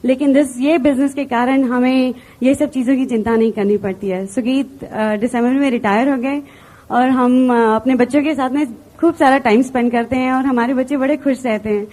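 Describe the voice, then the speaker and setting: A woman's voice: high-pitched, fairly even intonation, moderate pace, a little mellow. A woman from India giving an earnest motivational stage talk, telling personal stories and mixing in English words. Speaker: business seminar speaker.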